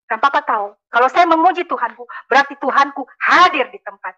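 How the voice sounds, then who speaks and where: High-pitched, pushed and bright, a woman from Makassar, Indonesia speaks at a quick pace with lively intonation over lo-fi sound. Giving her religious conversion testimony, she tells the story emphatically and keeps calling out to the audience.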